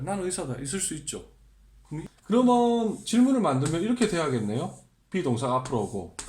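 Man, English teacher, beginner grammar lesson, rhetorical questions, drilled example sentences, lively rise and fall, echoey room. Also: a little high.

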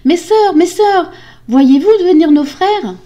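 A woman's voice: big pitch swings, normal speed, dark tone. A woman doing a frightened young wife. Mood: pleading. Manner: high, trembling, pleading. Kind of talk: storybook reading.

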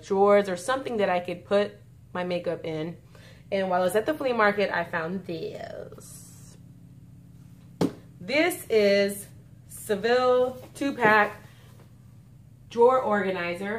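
A chatty woman shows off her bargain finds, gushing with delight and calling out to her viewers. Her voice sits at an ordinary middle pitch and her talk runs loose and casual. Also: slight background noise. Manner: chatty and gushing, keeps saying y'all. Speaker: beauty vlogger. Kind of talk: casual haul video chat.

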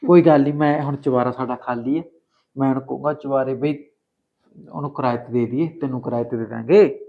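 A man's voice: mid-range voice, fairly even intonation, brisk, vocal fry, phone-quality sound. A man acting in a short film, sweet-talking and coaxing in a casual village manner. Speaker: actor playing a married man courting another woman.

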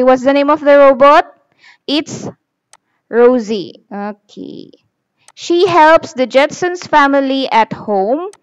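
A woman teaching an English lesson over slides, reading aloud slowly and asking pupils questions. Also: sits high, smooth, poor audio.

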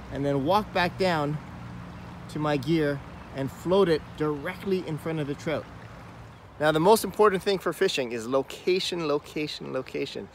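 A man's voice: fairly high pitch, a little hiss or hum. A man in his thirties hosting a fishing vlog, explaining a technique to the camera outdoors by a wooded creek. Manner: upbeat, explanatory, talking to camera while walking. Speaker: fishing vlogger host. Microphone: phone or camera at arm's length.

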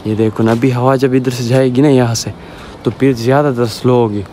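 A man's voice: medium pitch, fairly even intonation, brisk, warm tone. Young man vlogging outdoors with birds around. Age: 20s. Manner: chatty, keeps tagging "na" onto lines while showing viewers around. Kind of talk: casual home-tour vlog. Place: outdoors on a rooftop and a village yard. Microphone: phone held at arm's length. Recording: outdoor background noise with birds.

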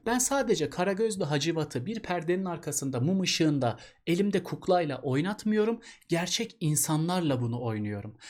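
A man's voice: fairly high pitch, a little mellow. A man teaching an exam-prep literature lesson in a chatty way, asking rhetorical questions and addressing the student as a buddy.

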